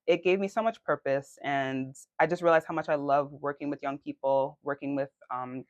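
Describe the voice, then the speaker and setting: A young adult woman from Queens, New York City, co-hosts a podcast in casual chat, sounding earnest and faith-filled and laughing easily. Her voice sits low with a steady tone at normal speed, and the audio is dull with no echo.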